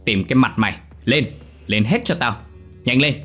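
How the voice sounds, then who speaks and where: A man voicing a stubborn, eccentric old village man who shouts back in a squawky, hurried way, in a storybook reading. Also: medium pitch, husky, soft background music, pitched above the performer's own voice. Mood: alarmed. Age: older.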